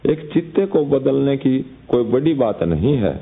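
Slow husky preacher. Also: male voice, medium pitch, big pitch swings. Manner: slow, addresses listeners as dear ones. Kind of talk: storytelling sermon. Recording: tinny phone-like audio.

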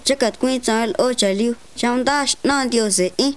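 A woman's voice: a little high, unhurried, clear, resonant tone. A woman giving a religious talk and prayer in repetitive, chant-like phrases.

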